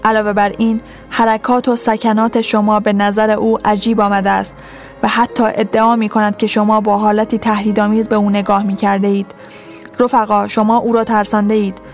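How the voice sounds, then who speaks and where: Polite formal cop guy explaining stuff, storybook, woman reading him, even flat tone. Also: medium pitch, soft background music, lightly acted. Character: polite official male policeman, patient.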